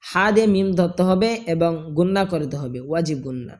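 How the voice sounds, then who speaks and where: A man teaching correct recitation, explaining pronunciation rules and chanting each phrase in long drawn-out tones. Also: a little high, darkish tone. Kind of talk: slow pronunciation lesson with chanted examples.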